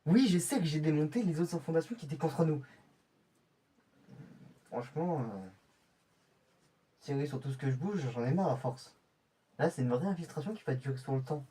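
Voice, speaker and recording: A man's voice: on the high side, lively intonation, normal speed, pauses often, mellow, slightly rough, recorded from a distance. A man playing a young male infiltrator getting ready for a covert mission, often stammering and restarting his sentences in amateur web-drama style. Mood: irritated.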